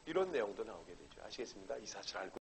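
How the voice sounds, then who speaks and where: A man's voice: lowish voice, very animated, racing, a crowd in the background, rough recording. A middle-aged man lecturing on law. He poses questions and answers them himself, and keeps checking that the class follows. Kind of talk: exam-prep lecture.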